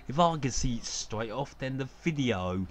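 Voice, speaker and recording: A male football commentator talks through a live match in a loose, chatty way, with blunt opinions. He laughs at his own jokes and sits at an outdoor stadium on a cold evening, his pitch in an ordinary middle range. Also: animated, normal speed, a little hiss or hum.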